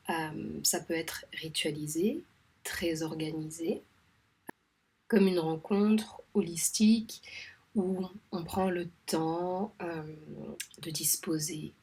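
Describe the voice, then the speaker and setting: A woman from Réunion, a home midwife, talking in a soft, measured way that often drops to a half-whisper, with frequent hesitations. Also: fairly low pitch, breathy edge. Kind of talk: reflective spoken monologue.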